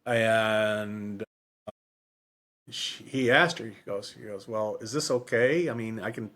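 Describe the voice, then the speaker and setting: Here the man speaks slowly in a lowish voice that still sounds fairly bright. As co-host of a casual book podcast, he rambles without a script, often saying things twice and fixing what he just said.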